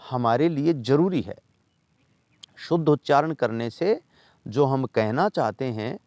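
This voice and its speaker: Male teacher, patient, line-by-line lesson, very slow, dry close sound. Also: a little high, a little mellow, dry recording. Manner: reads a line, then translates it slowly and patiently. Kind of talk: classroom lesson explaining a textbook chapter.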